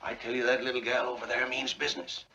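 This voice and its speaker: A folksy scolding old sidekick. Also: male voice, medium pitch, little pitch movement, quick pace, bright, forceful tone, muffled recording, slight background noise.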